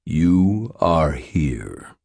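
Ancient island spirit, huge and inhuman, slow booming statements, voiced by a male reader; deep and gravelly. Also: no echo, clean studio sound, exaggerated voice. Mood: solemn. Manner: slow, flat, emphatic pronouncements. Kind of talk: audiobook narration.

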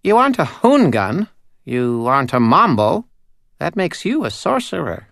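A man's voice: a little high, wildly swooping pitch, normal speed, vocal fry, a bit bright, no echo, clean studio sound, pitched above the performer's own voice, heavily acted. A male narrator voicing a small, prim female doll spirit who questions solemnly. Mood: probing.

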